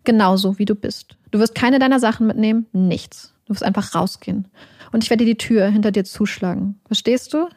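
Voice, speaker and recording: A woman's voice: mid-range voice, fairly quick, mellow, no room sound, clean studio sound, close to an everyday voice. A woman voicing the quoted lines of an aggressive, controlled, menacing man in a cold, clipped way.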